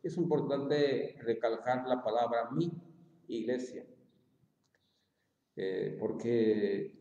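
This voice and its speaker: A man's voice: medium pitch, dark tone. Man teaching Bible in an echoey hall. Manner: plain, repeats points, many fillers and "¿ya?" checks. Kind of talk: informal Bible class.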